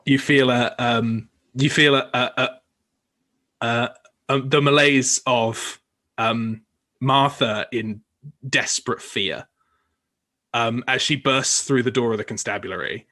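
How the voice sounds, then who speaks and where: A man narrating as game master of a tabletop game, halting with many fillers and restarts. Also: medium pitch, steady tone, pushed and bright. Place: home recording for a podcast.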